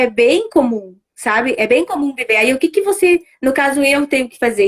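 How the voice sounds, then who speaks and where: A middle-aged woman with a high voice speaks in a loose, conversational way. She fills her talk with restarts and little fillers, as if chatting during a live stream. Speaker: family constellation facilitator.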